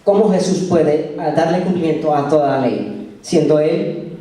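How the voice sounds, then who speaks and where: A man's voice: a little high, measured pace, warm tone. A man preaching a sermon in a conversational way, often asking the congregation questions. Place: church meeting room. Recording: echoey room, voice from far off.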